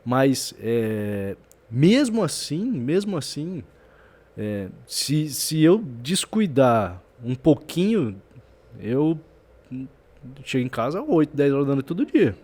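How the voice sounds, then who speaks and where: A man speaking in a relaxed podcast chat, at a middle pitch. He thinks aloud and pauses often. His sentences trail and restart. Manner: reflective, halting with fillers. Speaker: business owner and father. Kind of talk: casual podcast conversation.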